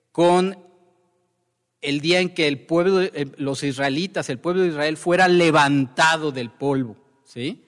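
A man teaching a sermon through a Bible passage, slow and unhurried, with a voice pitched a little high. He often pauses to check in with his listeners. His voice carries a long reverb. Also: fairly bright tone. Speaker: preacher.

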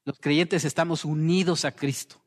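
A man preaching a sermon as pastor, building to impassioned peaks and dropping to soft, slow quotations. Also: on the high side, fairly even intonation, long reverb tail.

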